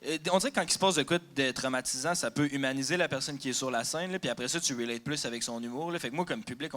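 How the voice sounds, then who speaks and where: A man's voice: medium pitch, bright, forceful tone. A man, a podcast host asking rambling, loosely built questions in a casual interview.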